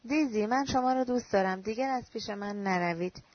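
A woman's voice: mid-range voice, dry recording, close to an everyday voice. A woman reading the lines of an anxious, lonely man who pleads earnestly with the woman he loves. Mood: pleading. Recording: dull lo-fi recording.

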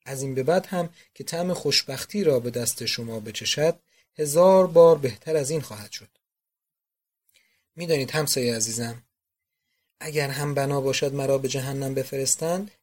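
A man's voice: medium pitch, darkish tone, lightly acted. A man reading as a doting old father.

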